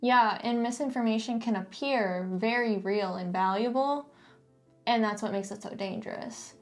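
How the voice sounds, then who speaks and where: A woman's voice: on the high side, moderate pace, faint music behind. Sarcastic, critical woman in casual discussion. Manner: critical, sarcastic mock-quoting. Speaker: co-host of a book discussion. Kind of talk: casual opinionated book critique.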